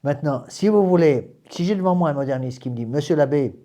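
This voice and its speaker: A priest lecturing a small group, a man whose voice sits somewhat high yet sounds mellow and soft-edged. He presses his points hard, circling back on words and restarting his sentences as he goes. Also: expressive, fast. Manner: emphatic, repeats words and restarts phrases. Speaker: priest giving a class.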